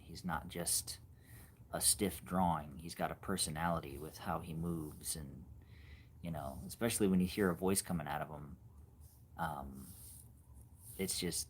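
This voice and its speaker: A man in his forties chatting casually on a livestream, musing in a halting way and trailing off softly at times. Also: a bass voice, slight background noise. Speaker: animator hosting a livestream.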